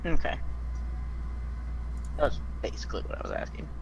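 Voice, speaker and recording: A man playing a tabletop role-playing game, talking casually in a group voice chat over a push-to-talk microphone. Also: normal speed. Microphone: push-to-talk voice chat mic. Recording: noisy remote voice-chat microphone.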